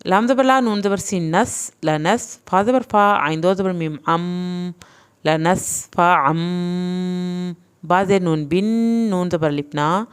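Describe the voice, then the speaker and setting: A woman with a low, smooth, resonant voice leads a reading lesson. She spells out each syllable deliberately and joins them into words. Between drills she gives brisk, plain explanations. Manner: explains rules in quicker, plain teacherly asides. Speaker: Quran reading teacher. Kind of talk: recorded online lesson.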